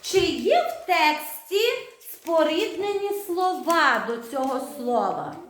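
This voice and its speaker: High-pitched lady teacher talking slow to little kids, echoey room, a bit of hiss. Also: lively intonation. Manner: instructive, patient, drawn-out dictation. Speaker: primary school teacher. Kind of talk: online class lesson. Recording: echoey room, faint noise.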